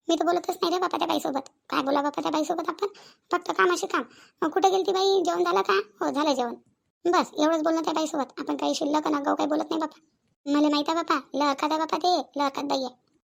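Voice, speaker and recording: A woman's voice: high-pitched, vocal fry. A woman voicing a grumbling, knowing older village woman in a cartoon, with a Vidarbha Marathi accent.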